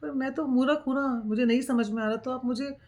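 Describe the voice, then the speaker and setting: A woman's voice: steady tone, fairly quick, close to an everyday voice. Woman voicing a desperate pleading young son. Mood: tearful pleading. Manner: pleading, rising to high loud outbursts.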